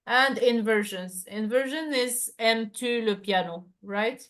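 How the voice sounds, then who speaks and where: A woman's voice: on the high side, measured pace, fairly bright tone. A woman teaching a one-to-one lesson over a video call, explaining patiently with many fillers and restarts. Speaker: French tutor.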